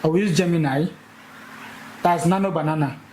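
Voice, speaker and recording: A young man teaching a live session, animated and repeating key words for emphasis. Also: fairly high pitch, normal speed, reverberant, a little hiss or hum, rough recording. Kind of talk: energetic classroom teaching.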